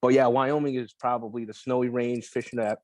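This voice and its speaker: A man as a podcast guest, telling stories in a relaxed, rambling way with lots of swearing and restarts. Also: mid-range voice, a little fast, dry recording. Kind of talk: casual interview storytelling.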